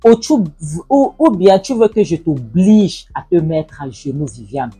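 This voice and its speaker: A woman voicing a stern, harsh middle-aged father who gives low, clipped commands. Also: sing-song, unhurried, warm tone, breathy edge, soft background music, heavily acted.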